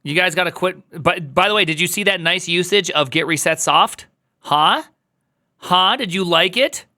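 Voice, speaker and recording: Bright-voiced man teaching code with jokes. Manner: playful, joking asides to chat, jumps high when teasing. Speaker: coding instructor. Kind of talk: live coding walkthrough.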